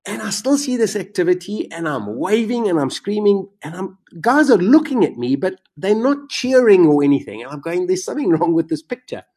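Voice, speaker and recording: A man telling his own survival story in conversation, animated and vivid, his voice jumping up when he relives the excitement. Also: high voice, normal speed, few pauses. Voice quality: self-described macabre sense of humor.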